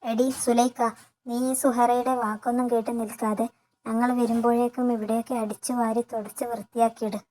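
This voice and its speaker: A woman's voice: fairly high pitch, little pitch movement, a little fast, lightly acted, low-quality recording. A woman voicing a domineering older mother-in-law who snaps and barks orders at the family. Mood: scolding. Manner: sharp, barking orders. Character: bossy older mother-in-law, shrill and commanding.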